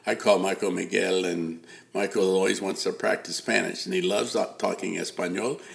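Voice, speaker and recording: Older man, podcast host, very gravelly voice, slightly low pitch, rambling with lots of uhs. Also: fairly even intonation, moderate pace. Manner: rambling, many fillers and restarts. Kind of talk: casual interview.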